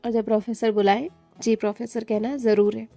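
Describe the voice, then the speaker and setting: A woman's voice: a little high, steady tone, normal speed, vocal fry, mellow, faint music behind. A woman reading the part of a playful young man imitating a bossy professor in a storybook, mock-stern and teasing.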